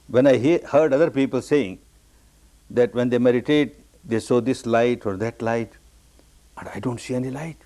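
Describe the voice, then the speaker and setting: A man from Burma gives a meditation discourse in a mid-pitched voice. He repeats phrases for emphasis and pushes his pitch sharply upward on important words, then settles back down. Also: dark tone. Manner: repetitive, emphatic phrasing with sudden high rises on key words. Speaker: meditation teacher. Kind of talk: dharma discourse recounting his own story.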